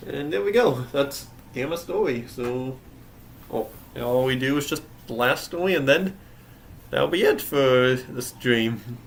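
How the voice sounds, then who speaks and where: A man's voice: medium pitch, expressive, measured pace, gravelly, slight background noise. Rambling young male game streamer. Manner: rambling, self-correcting, laughs often. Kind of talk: casual gameplay commentary.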